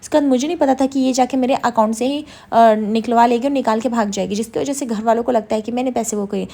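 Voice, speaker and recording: Woman speaking as an indignant young man, raised pitch, fast, insistent. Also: creaky, warm tone. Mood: aggrieved. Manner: pleading, insistent.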